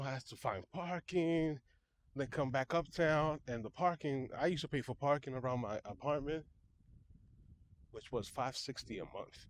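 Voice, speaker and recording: A man's voice: medium pitch, a little hiss or hum. A young man, talking casually and a little out of breath while walking through a park, repeating and correcting himself as he goes. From New York City. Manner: chatty, self-correcting, repeats phrases. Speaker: vlogger, registered nurse. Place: outdoor park.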